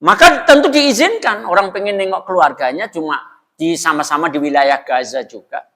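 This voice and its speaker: A man's voice: fairly high pitch, animated, normal speed, pushed and bright, long reverb tail. A man preaching in a prayer room, talking conversationally, asking the congregation questions and laughing often. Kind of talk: mosque sermon.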